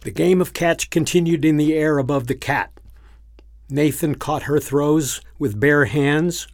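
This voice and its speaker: A man reading a story aloud in an even, unhurried narration. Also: on the high side, no echo, clean studio sound.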